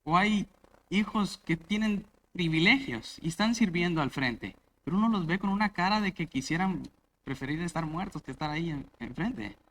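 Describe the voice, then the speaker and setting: Male pastor, slightly high voice, emphatic sermon delivery with loud peaks and soft drops. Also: moderate pace, slight background noise. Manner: emphatic, rising to loud stresses and dropping to soft asides. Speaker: preacher. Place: church.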